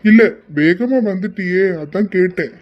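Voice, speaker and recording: A performer voicing a quiet, reserved young man in an amateur audio drama, answering in short, evasive lines. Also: medium pitch, highs cut off, close to an everyday voice. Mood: guarded. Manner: curt and evasive, unhurried.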